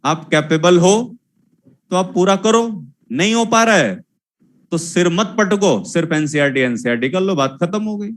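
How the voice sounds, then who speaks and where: A high-pitched young man gives a zoology lecture. He keeps scolding the students, repeating the same points over and over. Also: animated, measured pace. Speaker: teacher. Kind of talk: classroom lecture.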